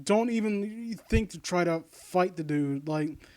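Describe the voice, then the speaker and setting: The high-pitched, warm voice of a critique-series host comes through with no echo as he reads a story and comments on it. He speaks unhurriedly in a casual, informal manner. His asides are sardonic and mock-supportive, and he often stumbles over his words.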